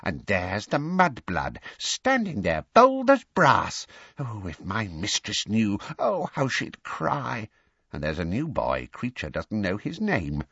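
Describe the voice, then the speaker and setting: A man voicing a hunched, spiteful old male house elf who mutters hoarsely under his breath. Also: on the low side, wildly swooping pitch, takes it slowly, a bit bright, no room sound, muffled recording, full character voice. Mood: spiteful muttering.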